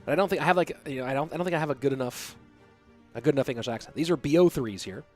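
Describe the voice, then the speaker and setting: This young male esports commentator is racing along in a mid-range voice, soft music behind him and his nose stuffy from a cold. Casting solo and casually, he alternates play-by-play with reading chat. Between plays he chats with viewers and answers their questions in a relaxed, talkative way.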